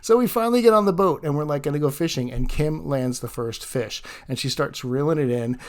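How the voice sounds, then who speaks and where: A man's voice: fairly high pitch, a little fast. A man narrating his fishing travel vlog in a casual, chatty way, laughing often between phrases.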